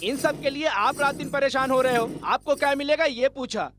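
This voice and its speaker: A sly flirtatious village elder. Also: male voice, very high-pitched, moderate pace, over music. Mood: coaxing. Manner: teasing, chatty. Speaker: older village man courting a widow. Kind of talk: Hindi film dub.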